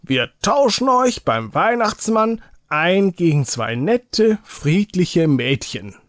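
A man's voice: high voice, very animated, slow pace, fairly bright tone, no room sound, studio quality, voice pushed up, heavily acted. A man voicing an angry father who scolds and threatens his two quarreling sons. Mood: stern threatening.

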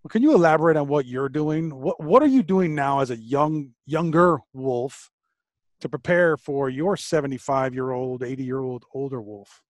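A man's voice: medium pitch, normal speed, no room sound. Headset-wearing male host, dry sound. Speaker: podcast host. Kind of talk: interview questions. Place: home studio, video call. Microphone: headset microphone.

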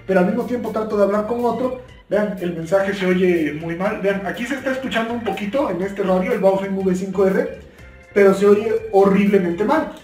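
Seated at a table in a small, bare room, a young adult YouTube host explains two-way radios in an informal, earnest tutorial, frequently restating and rewording what he says. He speaks at a normal speed in a high voice with a darkish tone. The room echoes, the mic is distant, and faint music plays.

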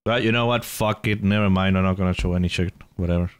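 A man's voice: low-pitched, fairly even intonation, fast talker, clear, resonant tone. Grumbling man streaming, fed up with tech. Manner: exasperated, swears, grumbles about tech trouble. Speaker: game streamer. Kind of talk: casual live-stream chat.

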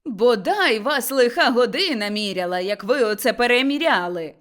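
A woman voicing a combative young village wife who shouts and scolds in a high, loud voice. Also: animated, normal speed. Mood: shrill scolding.

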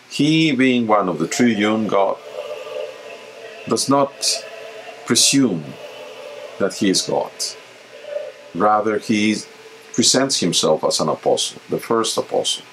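A man in his fifties, a deacon, reading the gospel and giving an earnest, measured homily from a small home chapel, with occasional halting restarts. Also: sits low, a little hiss or hum, rough recording.

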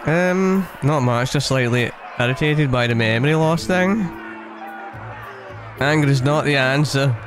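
A man's voice: mid-range voice, a little slow. A man with a Scottish accent giving joking let's play commentary as a gaming streamer, laughing and teasing the characters. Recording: game music and crowd behind.

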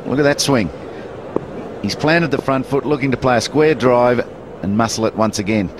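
A man commentating live cricket on TV, calmly explaining what the bowler is trying to do. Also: medium pitch, moderate pace. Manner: analytical, explains the bowling. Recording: broadcast with clear noise.

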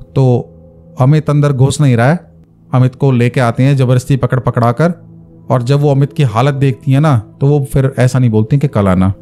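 Mellow man telling a horror story. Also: medium pitch, steady tone, moderate pace, faint music behind. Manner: conversational, explains terms with asides. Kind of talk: casual spoken storytelling.

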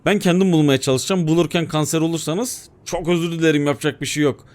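A young man giving excitable let's-play commentary, muttering to himself and bursting into shouts. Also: fairly high pitch, quick pace. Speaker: gaming YouTuber.

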